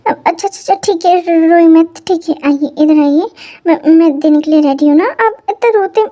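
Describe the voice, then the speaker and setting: A woman's voice: very high-pitched, fairly quick, dark tone. A woman voicing a doting, fretful female caretaker who coaxes and fusses, often stammering, in a hobby audio story. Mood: coaxing. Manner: coaxing, fussing, stammering.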